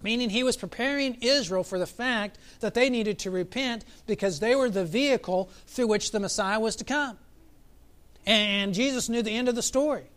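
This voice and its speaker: A man preaching a sermon as pastor, reflective, asking his listeners questions and slowing down for emphasis. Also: high voice, a bit bright. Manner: reflective, asks the congregation questions, varies pace for emphasis.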